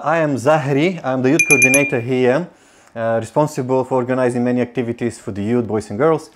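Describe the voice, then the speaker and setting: Hesitant Bulgarian-born man, forties, youth worker welcoming guests, lapel mic. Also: mid-range voice. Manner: hesitant, many fillers and restarts. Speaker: youth coordinator. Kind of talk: welcoming tour talk. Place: indoor office and youth club.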